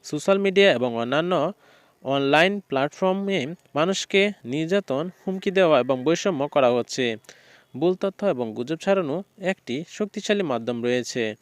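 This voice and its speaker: A male teacher reading exam questions and model answers aloud in a steady, methodical way. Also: fairly high pitch, normal speed, clear, resonant tone, no room sound.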